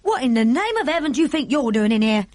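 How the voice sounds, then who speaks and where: A fussy middle-aged maid from a storybook, acted by a woman. Her voice is high and dry in sound, deferential yet easily flustered and indignant. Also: animated, moderate pace, dry recording.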